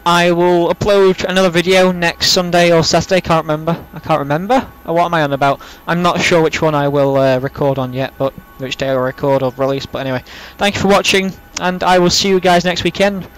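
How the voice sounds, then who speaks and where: A man's voice: a little high, steady tone, brisk, hardly any pauses, a bit bright, clear, resonant tone, rough recording. A man giving casual, rambling, self-deprecating gameplay commentary as a flight sim host, saying w for r. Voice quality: can't pronounce R's properly, says w for r.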